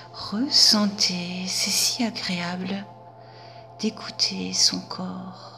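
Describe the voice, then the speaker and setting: A woman guiding a hypnosis session, speaking softly in a drawn-out half-whisper. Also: mid-range voice, gravelly.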